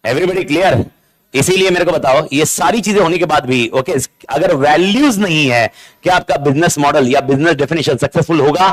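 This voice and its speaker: Middle-aged guy teaching a class, pretty high voice, lively and teasing, keeps quizzing the room, classroom mic. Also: moderate pace. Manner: animated, teasing, repeats key words and asks the class questions. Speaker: accounting exam lecturer. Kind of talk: live classroom lecture streamed online. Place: classroom with students present. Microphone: amplified classroom mic.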